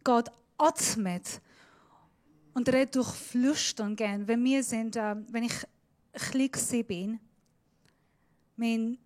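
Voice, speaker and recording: Slow, dramatic, higher-voiced woman preaching. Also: fairly even intonation. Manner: dramatic, shifting between loud emphasis and hushed near-whisper; slips in Swiss German words. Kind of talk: sermon.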